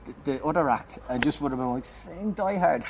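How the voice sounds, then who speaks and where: A male comedian telling an animated, profanity-laced story in casual chat, laughing as he goes. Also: a little high, a little fast, over a noisy crowd. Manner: animated, swears freely, laughs through his story. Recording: clear background noise.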